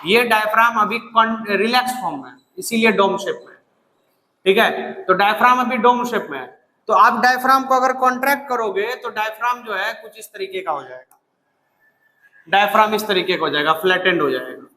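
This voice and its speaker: A male biology teacher lecturing a class, dictating slowly, repeatedly prompting students to answer and scolding them bluntly. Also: high-pitched, bright, forceful tone. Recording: echoey classroom with long reverb.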